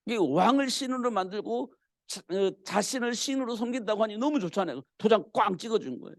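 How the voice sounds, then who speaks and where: Lively high-voiced male pastor preaching. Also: brisk, no room sound, clean studio sound. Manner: animated storytelling, acting out the king's cries. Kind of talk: sermon. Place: church.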